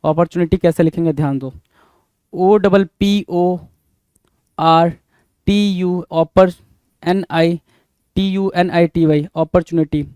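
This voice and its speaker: A fairly high-voiced male teacher walks through a spelling lesson, sounding out every word one letter at a time. His tone is mellow, and he keeps addressing his students casually as he marks the answers. The recording is dry and close. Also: steady tone, smooth, no room sound. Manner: brisk, addresses students as "bhai". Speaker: English teacher.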